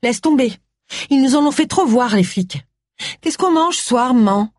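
A whiny, jumpy witch daughter with a high, strained voice, as a woman reader puts her on. The voice is breathy and rises sharply. It is read dry and close for an audiobook. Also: expressive, moderate pace, darkish tone, dry recording. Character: whiny grown daughter witch, easily scared.

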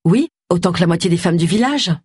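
A cheeky man trades dry, teasing barbs, as a woman reader voices him. Her voice stays low and husky, recorded close and dry. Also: animated, quick pace, darkish tone, no echo.

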